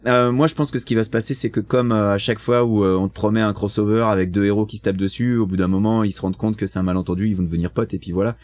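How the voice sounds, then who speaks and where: A man with a fairly low voice rattles off his thoughts at a quick clip, full of fan enthusiasm. The recording is dry and close, with no room sound. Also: fairly even intonation, a little mellow, no room sound. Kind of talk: casual film review chat.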